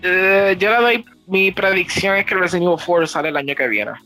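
A man's voice: high-pitched, normal speed, pushed and bright, soft background music. A man chatting casually about video games, constantly mixing English phrases into his Spanish and swearing freely.

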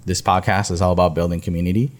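A man's voice: low voice, steady tone, rapid-fire. A young man co-hosting a podcast, chatting casually and rambling with lots of "like" fillers. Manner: rambling, heavy use of "like" as filler. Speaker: podcast co-host.

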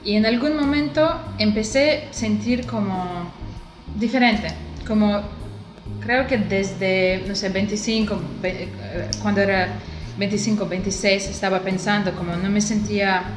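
A woman in her thirties from Russia with a Russian accent, an interview guest speaking haltingly and searching for words in her second language. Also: mid-range voice, roomy sound, music in the background, rough recording. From Siberia, Russia. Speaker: interview guest, visual artist. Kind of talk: casual interview.

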